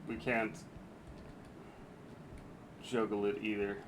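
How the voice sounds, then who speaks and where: A man's voice: fairly low pitch, little pitch movement, slow, noisy background. A man streaming a co-op game with friends, joking, swearing and cheering his teammates on. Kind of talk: casual gaming chat with friends.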